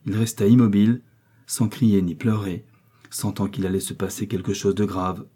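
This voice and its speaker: Low, dark-voiced male narrator. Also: fairly even intonation, normal speed, slightly rough. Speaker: audiobook reader. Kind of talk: literary audiobook narration.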